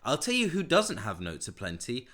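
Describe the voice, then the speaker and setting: A man's voice: medium pitch, huge pitch swings, normal speed, a bit bright. Chatty man hosting a podcast. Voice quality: a little nasal. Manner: chatty, teasing, rambling with fillers. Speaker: podcast host. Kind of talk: casual chat.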